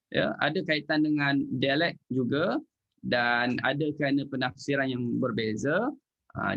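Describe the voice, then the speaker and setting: A man with a Malaysian Malay accent teaching Quran recitation in an online class, recites verses slowly and explains casually. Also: mid-range voice, highs cut off. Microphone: video call.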